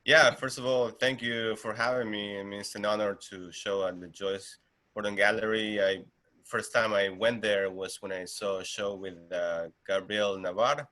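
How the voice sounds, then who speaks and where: A man's voice: on the low side, steady tone, normal speed, bright, forceful tone. A man in his thirties from Argentina, a guest artist talking casually in an interview, with many fillers and restarts.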